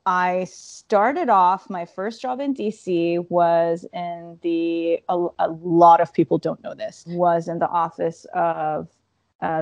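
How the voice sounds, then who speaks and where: Woman in her 30s chatting about her path, lowish voice, dry close sound, keeps acting out what she was thinking. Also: no room sound. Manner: animated storyteller, quick asides and acted-out inner thoughts. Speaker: guest. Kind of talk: casual storytelling interview.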